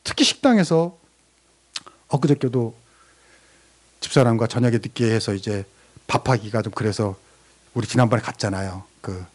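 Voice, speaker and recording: A man's voice: medium pitch, darkish tone, breathy edge. A male pastor preaching a sermon, quizzing the congregation with questions and answering them himself.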